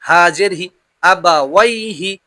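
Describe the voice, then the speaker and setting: Patient quran teacher drilling a student, slows way down on each word, clear bright voice, super dry sound. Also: mid-range voice, no room sound. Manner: patient, repeats questions, slows down to model pronunciation. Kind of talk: lesson with call-and-response drilling.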